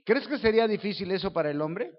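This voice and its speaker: Mexican pastor guy preaching, kinda high voice, acts out the voices, slightly dull recording. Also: quick pace, big-room sound. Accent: Mexican Spanish. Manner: lively storytelling, acts out dialogue voices, asks the audience questions. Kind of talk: sermon.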